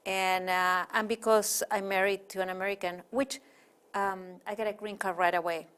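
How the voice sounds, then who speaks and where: A woman's voice: medium pitch, steady tone, moderate pace, fairly bright tone, clean tone. A middle-aged woman from Chile with a Chilean Spanish accent, a Spanish native speaker, talking as an interview guest in a chatty, rambling way with many fillers.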